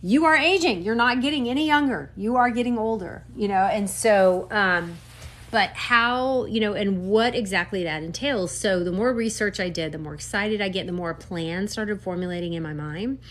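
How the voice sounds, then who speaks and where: A woman in her fifties, a doctor, talking casually to camera in an animated, emphatic way with quick asides. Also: mid-range voice. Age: 50s.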